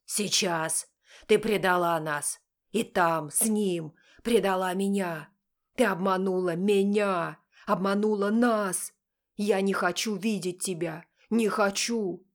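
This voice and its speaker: A woman's voice: on the low side, fairly even intonation, a little slow. A woman voicing a stern, bitter middle-aged father in an audiobook, speaking in curt, accusing bursts. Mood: furious. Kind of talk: audiobook character voice.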